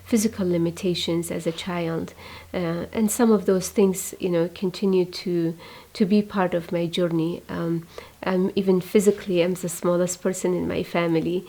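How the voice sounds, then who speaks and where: A woman in her forties from Iraq, a religious sister giving a hesitant, reflective testimony with many pauses. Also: fairly low pitch, steady tone, low-quality recording. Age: 40s. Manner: soft-spoken, hesitant with many fillers. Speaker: religious sister, community founder.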